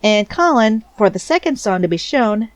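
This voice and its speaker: Woman narrator, lively and animated intonation, enthusiastic fan commentary, dry close voice-over. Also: fairly high pitch, normal speed, no room sound. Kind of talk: scripted narration.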